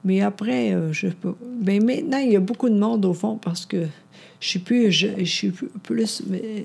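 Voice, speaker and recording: A woman's voice: mid-range voice, normal speed, creaky, darkish tone, breathy edge. A woman in casual chat, hesitant and searching for her words.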